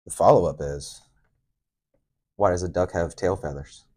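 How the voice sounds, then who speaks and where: A man in his forties telling dad jokes in deadpan banter, recorded on a lapel mic. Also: low voice, normal speed. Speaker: police training coordinator. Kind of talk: deadpan joke challenge banter. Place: indoor studio setup with cloth backdrop. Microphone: clip-on lapel mic.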